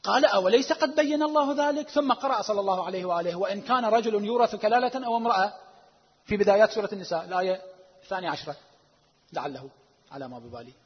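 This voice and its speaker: A husky, fairly high-pitched man delivers a religious lecture with heavy emphasis, drawing out his stresses and dropping from forceful to hushed. The recording is dull and lo-fi, with a long reverb trailing off the hall walls. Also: expressive. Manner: emphatic, drawn-out stresses, swings between loud and hushed; rhetorical questions to the audience. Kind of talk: religious lecture citing sources.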